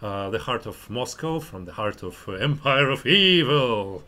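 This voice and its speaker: Male host, Russian accent, mid-pitched voice, casual, halting, rambling delivery. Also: lively intonation, bright, forceful tone. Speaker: podcast host, stand-up comedian. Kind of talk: casual chat.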